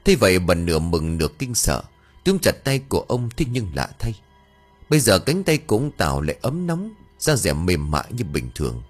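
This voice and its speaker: A man narrating a scripted ghost story in a dramatic, expressive storytelling manner. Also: low voice, normal speed, faint music behind.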